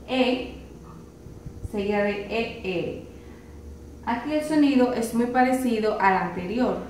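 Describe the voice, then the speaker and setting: A woman teaching a pronunciation lesson, slowly spelling out letters and repeating each word with patience. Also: fairly high pitch, a little mellow, far from the mic. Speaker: English teacher. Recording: roomy echo, voice from afar, faint hiss.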